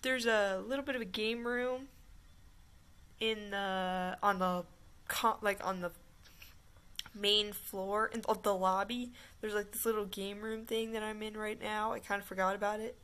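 A woman's voice: mid-range voice, steady tone, a little slow, fairly bright tone. A woman giving casual, chatty commentary as she makes a gaming video.

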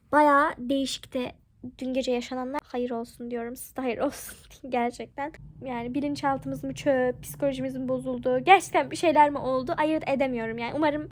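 A young woman vlogger telling a story to camera at home in a chatty, animated way, hushing her voice at the tense parts. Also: sits high. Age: young adult. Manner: animated, chatty, drops to a hush at tense moments. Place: home living room.

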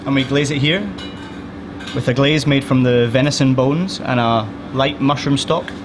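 A young man, a sous chef, calmly explaining a dish step by step as he plates it in a restaurant kitchen. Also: medium pitch, normal speed. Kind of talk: explaining a dish while plating. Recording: loud kitchen air-conditioning hum. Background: air conditioning hum.

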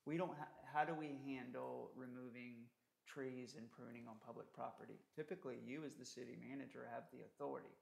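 A man's voice: mid-range voice, fairly even intonation, brisk, creaky, a little mellow. A man on the city council, thinking aloud and asking questions during a meeting. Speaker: council member.

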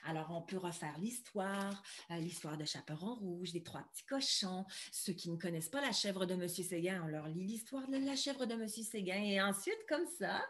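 A woman's voice: medium pitch, normal speed, few pauses. A woman presenting an early literacy workshop, theatrical and given to character voices and whispers when she reads aloud.

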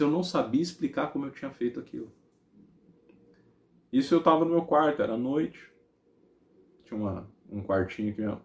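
A man with a Brazilian Portuguese accent preaching, telling a personal testimony as an animated story and acting out the dialogue. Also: medium pitch, reverberant.

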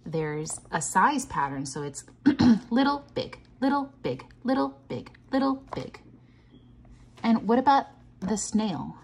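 Her voice is a little high, sing-song, and slow, with a slightly rough yet somewhat mellow quality. She's a teacher reading a picture book to children indoors at a table, encouraging them, asking questions, and chanting patterns in a read-along lesson.

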